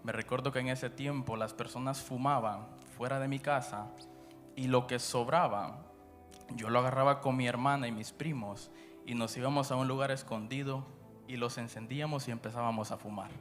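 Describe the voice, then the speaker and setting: A man with a Guatemalan Spanish accent tells his testimony to a church audience, rambling and conversational, with frequent fillers. His voice sits at a medium pitch. Worship music plays clearly behind him. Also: steady tone, moderate pace. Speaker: preacher giving his testimony. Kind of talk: personal testimony after prayer. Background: background music.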